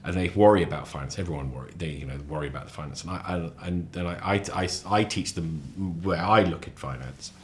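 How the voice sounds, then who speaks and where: A man chatting as a podcast guest, lively and animated, often repeating and restarting his words. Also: fast talker, few pauses, a little hiss or hum. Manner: animated storyteller, acts out quotes with sudden high voices. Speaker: lecturer. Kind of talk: casual chat.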